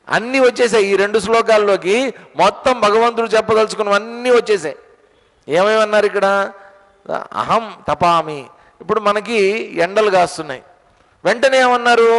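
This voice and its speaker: A man giving a spiritual discourse on scripture, explaining each word and asking his listeners questions, with stretches of slow verse chanting. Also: sits high, a bit bright. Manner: explains word meanings and drills pronunciation, asks the audience questions. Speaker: Gita teacher. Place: lecture hall. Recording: long hall reverb.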